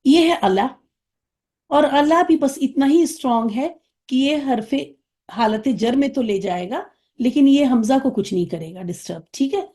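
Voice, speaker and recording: A woman teacher explains grammar to her online class in a patient, step-by-step way, stopping often to ask whether everyone has understood. Her voice sits fairly high but sounds mellow and warm. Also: animated. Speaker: Arabic teacher.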